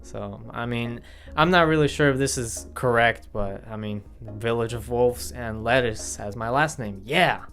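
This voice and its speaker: A young man talks straight to camera in an indoor room, rambling through facts about himself with fillers and restarts. His pitch sits mid-range for a man. Soft guitar music plays faintly behind him. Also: a little slow. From Milwaukee, Wisconsin, USA. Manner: rambling, filler-heavy, self-correcting. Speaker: vlogger. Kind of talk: casual facts-about-me vlog. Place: indoor room with studio lights. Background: faint background guitar music.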